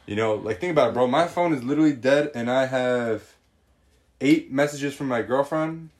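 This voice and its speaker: A young man co-hosting a casual podcast chat, ranting in an animated way with lots of slang and swearing. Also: medium pitch, moderate pace. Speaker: podcast co-host.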